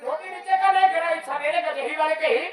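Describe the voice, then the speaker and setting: A woman's voice: extremely high pitch, brisk. A woman playing a brash, mocking village woman on a folk theatre stage. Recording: distant echoey live stage recording. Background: crowd noise.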